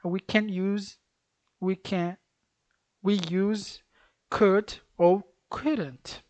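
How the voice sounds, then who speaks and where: A man with a Brazilian Portuguese accent explains English grammar in a video lesson, repeating example sentences slowly and deliberately. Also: sits high, fairly even intonation, a little mellow, no room sound. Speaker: English teacher.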